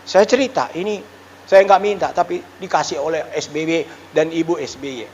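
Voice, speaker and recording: A middle-aged male pastor preaching a sermon and telling a personal testimony in an animated, exclamatory way, dropping suddenly into quiet asides. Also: on the high side, moderate pace, lo-fi sound, slight background noise. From Indonesia. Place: church hall. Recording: reverberant church hall.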